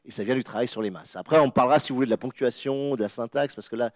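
A man speaks on a panel with an emphatic, searching delivery, repeating and restarting words as he acts out sounds. His voice sits at an ordinary middle pitch. The recording is dry and close, with little room sound. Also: racing, no room sound. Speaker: guest author on a panel. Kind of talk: animated lecture-style explanation.

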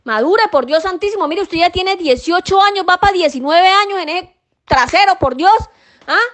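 A woman's voice: very high-pitched, lively intonation, moderate pace, fairly bright tone. A woman playing an exasperated mother in a comedy sketch, scolding and cursing at her son. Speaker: sketch actor.

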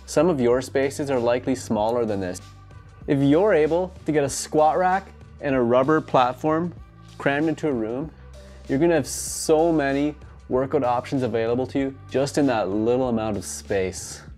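A man in his thirties who hosts a home gym DIY channel gives casual instructions to camera from an indoor garage gym, adding jokey, tongue-in-cheek asides. His mid-range voice is a little mellow and moves at normal speed, with music in the background.

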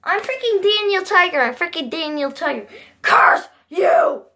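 A woman's voice: extremely high pitch, expressive, pushed and bright, heavily acted. A woman playing a jealous, hot-tempered eleven-year-old boy who rambles and whines in a comedic character vlog. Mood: grumbling. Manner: rambling, whiny, quick to rage.

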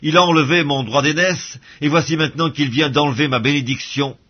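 A man's voice: fairly high pitch, steady tone, a little fast, lightly acted. A man reading the part of a bitter elder son cheated of his blessing, pleading and aggrieved. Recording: dull lo-fi audio.

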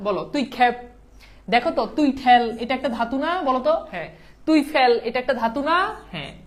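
A woman's voice: high voice, animated, fast. A woman teaching an exam-prep lesson, asking questions and answering them herself.

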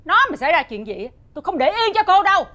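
Stern matriarch head of the house, bright high voice, faint score behind. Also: female voice, expressive, normal speed. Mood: scolding. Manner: stern, scolding. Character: stern wealthy matriarch, mother-in-law, commanding. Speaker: household mistress.

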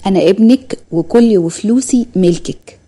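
Woman voicing a gentle young man, Egyptian Arabic accent, soft, tender, mellow, husky, storybook character. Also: medium pitch, normal speed, natural voice. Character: gentle, successful young man, loving brother and son.

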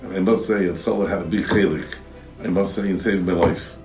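A man's voice: deep voice, fairly even intonation, fairly quick, distant mic. An older man giving an earnest spoken testimonial in a study. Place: book-lined study. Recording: echoey room, off-mic, faint music.

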